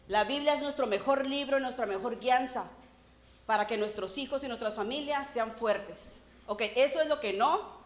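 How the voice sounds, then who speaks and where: A woman pastor preaching a sermon in church, animated and acting out the voices she quotes. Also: fairly high pitch.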